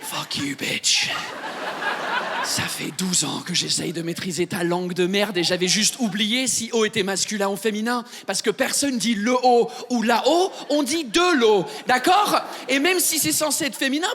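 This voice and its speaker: A man with an English-speaking accent doing stand-up, telling a story with animated exasperation. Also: extremely high pitch, normal speed, few pauses. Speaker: stand-up comedian. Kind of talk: stand-up routine. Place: large concert hall. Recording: hall reverb from a live stage.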